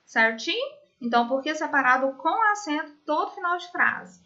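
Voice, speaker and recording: A woman with a high, bright voice explains a grammar point to her class, patient and methodical. She keeps checking in with short tag questions as she goes. The sound is dull and lo-fi, as from a computer mic in an online classroom. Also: lively intonation, normal speed. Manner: explanatory, checks understanding with frequent "né?" and "certo?". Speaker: teacher. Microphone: computer mic in a virtual classroom.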